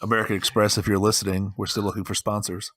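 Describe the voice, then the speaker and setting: A man in his thirties chatting as a podcast guest, animated and quick to laugh, on a close mic. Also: on the low side, no echo. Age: 30s. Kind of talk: casual chat.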